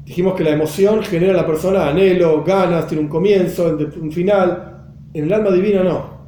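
Male teacher, high mellow voice, patient explainer, echoey room. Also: fairly even intonation, fairly quick, a little hiss or hum. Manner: explanatory, repeats phrases, mixes in Hebrew and Yiddish terms. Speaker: Torah teacher.

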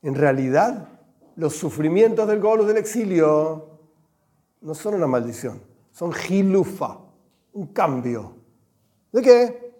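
A man with an Argentine Spanish accent gives a religious class, animated and joking, with Hebrew terms mixed in. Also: fairly high pitch, slow, pauses often. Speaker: religious teacher. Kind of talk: lively class with everyday examples.

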